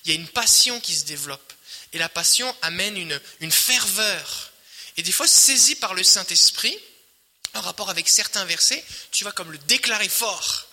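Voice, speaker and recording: A man preaching, his voice high and piercingly bright. He drives his points home by repeating phrases, rising loud and then sinking almost to a murmur. The sound rings in a long reverb, as from a large hall. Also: lively intonation, normal speed. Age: adult, married. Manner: emphatic, repetitive preaching with swells and quiet drops. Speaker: pastor. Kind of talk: sermon.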